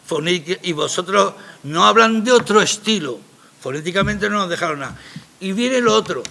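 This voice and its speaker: Emphatic gravelly high-voiced man. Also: animated, moderate pace, sharp tone, slight background noise. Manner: emphatic, rambling, colloquial. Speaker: playwright presenting his play. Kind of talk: radio interview.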